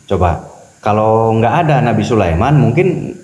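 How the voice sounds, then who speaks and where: A man talking as a spiritual teacher on a podcast, animated and preachy, repeating key phrases for emphasis. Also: on the low side, normal speed, slight background noise, low-quality recording. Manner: acts out quoted voices. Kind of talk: podcast religious talk.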